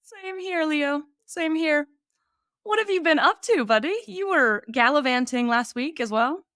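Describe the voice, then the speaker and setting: A woman co-hosting a podcast, chatting in a friendly, expressive way and laughing easily. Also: sits high, a little slow, no echo, clean studio sound. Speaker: podcast co-host. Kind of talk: casual podcast chat.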